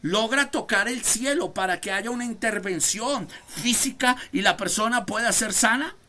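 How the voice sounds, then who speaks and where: Bright-voiced fervent preacher. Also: medium pitch, normal speed. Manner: emphatic, calls on listeners by name, rhetorical questions. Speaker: apostle teaching a Bible class. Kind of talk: fervent preaching lesson to students.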